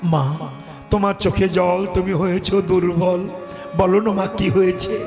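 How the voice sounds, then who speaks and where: Man playing a tender young son, soft coaxing voice, high, devotional music behind. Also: little pitch movement, moderate pace. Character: gentle young son consoling his mother.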